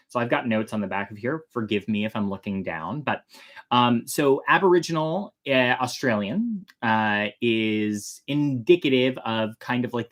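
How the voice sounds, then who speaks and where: A host and storyteller chats informally to viewers, explaining things from notes with loose, hedging phrasing. The voice is medium in pitch and a bit bright.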